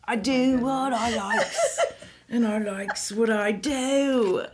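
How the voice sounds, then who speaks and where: A woman's voice: a little high, big pitch swings, takes it slowly, noisy background. A woman putting on the voice of a cheerful Cockney chimney sweep man, sing-song and drawn out, with a Cockney accent. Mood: jolly.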